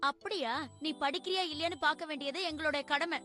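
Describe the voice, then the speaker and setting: A strict cartoon mother who scolds firmly but means well. Her voice sits fairly high. Soft music runs beneath. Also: fast talker. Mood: scolding. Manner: scolding, firm. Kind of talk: animated cartoon dub acting. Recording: faint background music.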